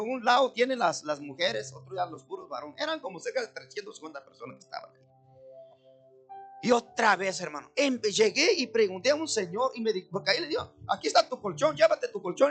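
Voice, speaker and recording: Man, high pitch, earnest church testimony, light music underneath. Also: fairly bright tone. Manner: earnest, addresses listeners as brothers and sisters. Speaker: church member giving testimony. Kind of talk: emotional personal testimony.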